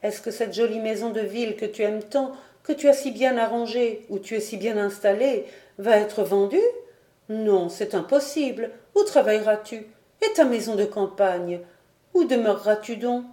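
A woman's voice: medium pitch, moderate pace, mellow, reverberant, natural voice. A woman voicing an anxious, tender young daughter who pleads with her father in a storybook reading. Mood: distressed. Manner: pleading, urgent questions.

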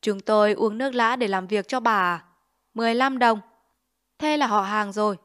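A woman's voice: medium pitch, normal speed, lightly acted. A woman voicing a greedy, bullying male village chief who sneers and makes threats in a Vietnamese storybook reading. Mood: menacing. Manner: blustering, sneering, extorting.

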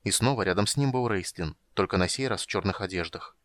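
A man reading an audiobook with steady, measured storytelling. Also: low-pitched, no echo. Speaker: audiobook reader. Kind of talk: scripted narration.

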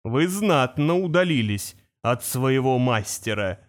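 A man voicing an ancient male creature of stone and fire, speaking slowly and ominously. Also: medium pitch, expressive, natural voice. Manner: slow, solemn, ominous.

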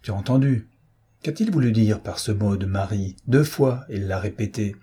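A man's voice: lowish voice, normal speed, mellow, husky. A man voicing a cruel middle-aged marquis who commands harshly in an audiobook reading. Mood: weary commanding. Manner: harsh, commanding, increasingly frantic.

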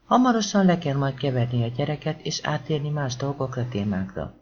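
A man reading an audiobook in a steady, measured storytelling manner. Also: medium pitch, slight background noise. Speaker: audiobook narrator. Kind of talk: scripted audiobook narration. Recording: dull lo-fi audiobook recording.

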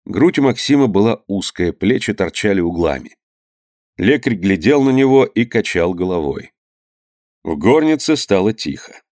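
Calm male audiobook narrator. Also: on the low side, moderate pace, no room sound, studio quality. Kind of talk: audiobook narration of a historical novel.

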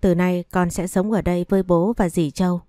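A woman voicing a grieving father who gently consoles his daughter in a storybook reading. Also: on the low side, level tone, fairly quick, dry recording, studio quality, natural voice. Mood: consoling.

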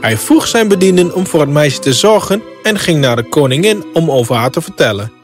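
A man's voice: fairly high pitch, animated, brisk, over music. A man reading a scripted fairy tale as a storybook narrator.

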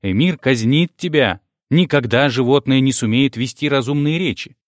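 A man's voice: medium pitch, normal speed, no echo, clean studio sound, close to an everyday voice. A man voicing an alarmed male friend in a retold fable, exclaiming in warning.

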